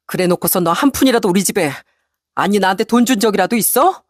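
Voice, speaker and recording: A cold, unbending middle-aged husband voiced by a woman reader lays out his terms in a flat, deliberate way. Her pitch stays in a middle range, and the recording is dry and close. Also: dry recording, close to an everyday voice. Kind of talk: storybook radio narration.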